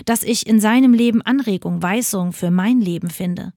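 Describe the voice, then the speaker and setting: A woman's voice: medium pitch, moderate pace, mellow, no room sound, studio quality. A woman giving a scripted spiritual reflection, speaking in a personal, earnest way. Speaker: devotional speaker.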